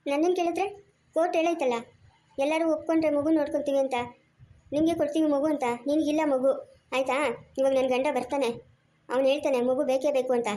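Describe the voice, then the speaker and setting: A woman's voice: sits high, steady tone, quick pace, pauses often, mellow, roomy sound, close to an everyday voice. A woman acting a defiant foster mother who scolds and refuses to hand back the child, in an amateur family skit.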